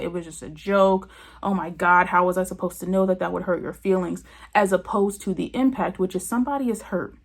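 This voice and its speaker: A woman with a slightly low, gravelly voice reviews a television show in a loose, chatty way. She is candid and opinionated, and she leans on frequent fillers. She slips into little performances of the people she quotes. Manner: acts out quoted people in her retelling. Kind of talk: casual opinionated commentary.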